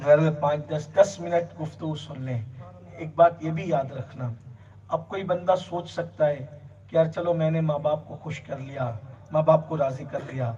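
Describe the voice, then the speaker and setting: A man with a fairly high voice preaches a religious sermon and drives his points home through long, repeated lists. He sounds set back from the mic, and the recording is dull and lo-fi. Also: darkish tone, far from the mic.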